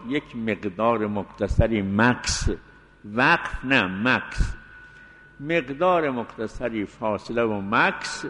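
A man teaching a seminary jurisprudence lesson, explaining step by step and slowly reciting Arabic phrases as examples. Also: fairly low pitch, fairly bright tone. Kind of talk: jurisprudence lecture. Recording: long hall reverb.

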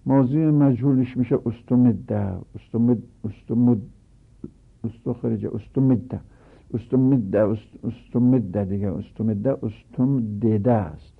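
Reciting verb forms in rapid succession, a male teacher works through conjugations for a grammar lesson in a gravelly, husky, mid-range voice. His audio comes across thin and phone-like.

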